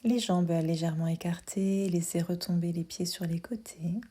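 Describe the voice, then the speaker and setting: A yoga nidra guide leads a sleep meditation in a soft, half-whispered voice that is fairly low and husky. She sounds calm and soothing, pausing between her instructions.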